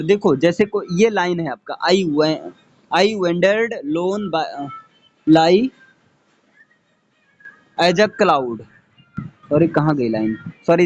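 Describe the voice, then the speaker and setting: A man's voice: high-pitched, a little mellow. A man teaching an online lesson, explaining step by step and checking in with the listener after each point. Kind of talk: online lecture. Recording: slightly dull lo-fi audio.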